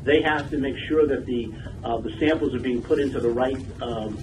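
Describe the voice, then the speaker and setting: A man from a forensic lab, heard over a speakerphone, explaining his lab's position at a meeting in a measured way with frequent hesitations. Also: medium pitch. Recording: distant noisy speakerphone line.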